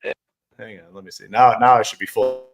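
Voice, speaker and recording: A hoarse man co-hosting a live stream, his faulty call mic choppy and cutting in and out. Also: mid-range voice, fairly even intonation, a little fast. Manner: checking whether his sound works. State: a little hoarse. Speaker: co-host of a fantasy sports stream. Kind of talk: casual live-stream chat. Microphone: faulty remote call mic.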